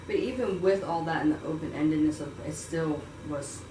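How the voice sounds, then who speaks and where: A woman guest in a casual movie review chat, soft-spoken and chiming in to agree. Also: deep voice, moderate pace. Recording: echoey room, mic far off, noise.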